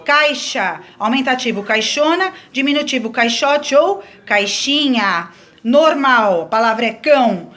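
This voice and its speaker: A woman's voice: sits high, expressive, measured pace, a bit bright. A woman teaching a grammar lesson, explaining the rules patiently step by step with examples.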